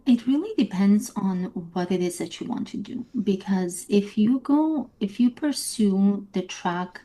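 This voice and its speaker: A woman from Bosnia, a therapist, answering interview questions thoughtfully with pauses. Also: mid-range voice, lively intonation, mellow. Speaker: therapist guest.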